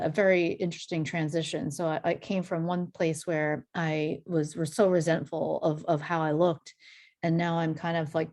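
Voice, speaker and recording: Female panelist with a low-pitched voice. Candid, personal, conversational tone. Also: darkish tone. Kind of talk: panel discussion on a video call.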